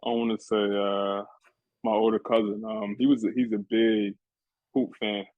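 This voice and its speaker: A young college basketball player from New Jersey talks through his answers in a low, flat voice. He is relaxed and courteous, and he often says "yes, sir." The sound is dry and thin, close to a phone line. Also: normal speed, dry recording. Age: young adult. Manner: laid-back, polite, keeps saying "yes, sir". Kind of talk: casual interview answers.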